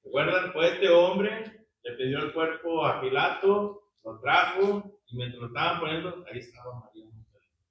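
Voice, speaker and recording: A man leads a Bible study, reading scripture aloud and putting questions to the group in a conversational way, with lots of tag questions. His voice is a little high, animated and fairly bright, at a normal speed. He sounds distant in an echoey room.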